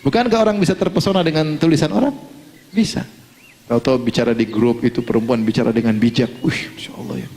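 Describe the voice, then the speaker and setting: A middle-aged male preacher giving an Islamic sermon, telling stories and acting out dialogue in a lively, animated way. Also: medium pitch, fast talker. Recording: long hall reverb.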